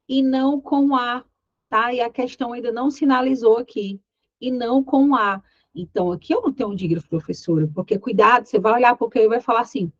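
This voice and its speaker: The recording is dry and dull, capturing a high-pitched woman with a Brazilian Portuguese accent. She teaches grammar for exam preparation, explaining step by step, often checking in with students, and voicing questions they might imagine asking.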